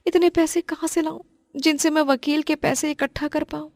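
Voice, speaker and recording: A woman's voice: sits high, flat delivery, normal speed, a little mellow, no room sound, clean studio sound, voice pushed up. A woman playing a devout, loyal wife and mother in a moral story, earnest, determined and emphatic. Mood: worried. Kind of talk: acted Hindi moral story.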